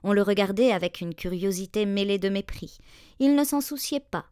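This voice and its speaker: A woman narrating a fairy tale in a measured, expressive reading voice. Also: mid-range voice, smooth, no room sound, studio quality. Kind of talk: storybook narration.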